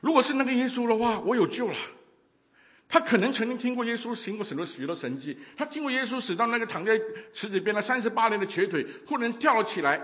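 A man preaching a sermon, telling a story with lively acted-out voices and many hesitations. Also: extremely high pitch, fast talker, long reverb tail.

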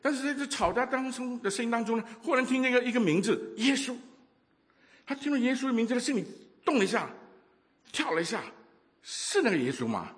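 A man preaching a sermon, telling a story with lively acted-out voices and many hesitations. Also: very high voice, fast talker, in a large hall.

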